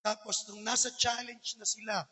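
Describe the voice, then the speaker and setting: Bright-voiced preacher with church reverb. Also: male voice, high voice, little pitch movement, moderate pace. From Philippines. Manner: storytelling, often calling the church "brothers and sisters"; mixes English words into his talk. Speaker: pastor. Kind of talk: sermon. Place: church sanctuary. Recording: long church hall reverb.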